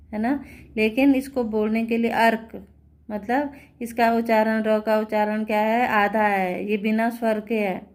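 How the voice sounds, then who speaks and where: A woman teaching Hindi grammar, explaining patiently and checking understanding with rhetorical questions. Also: a little high. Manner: patient, repeating words slowly and asking rhetorical checks. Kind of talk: classroom-style explanation.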